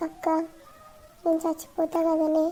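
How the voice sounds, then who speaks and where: A woman's voice: very high voice, completely flat delivery, a little slow, warm tone. A woman voicing a sick, resigned mother in a cartoon, speaking with a Telangana accent in a weak way. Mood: fearful. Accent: Telangana Telugu.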